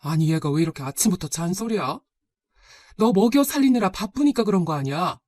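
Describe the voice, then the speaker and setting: Woman voicing a sharp-tongued busy mother. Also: on the low side, animated, brisk, no room sound, lightly acted. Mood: indignant scolding. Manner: scolding, indignant. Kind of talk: storybook narration.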